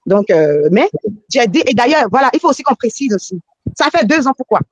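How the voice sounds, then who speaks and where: Une femme invitée qui raconte une arnaque, par téléphone, d'une voix rapide, hésitante, pleine de reprises et d'hésitations. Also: female voice, fairly high pitch, sing-song, husky, no room sound. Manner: rapid, halting, with many restarts and fillers. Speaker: guest recounting being scammed. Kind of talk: emotional storytelling on a call. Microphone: phone call. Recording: muffled phone-quality call.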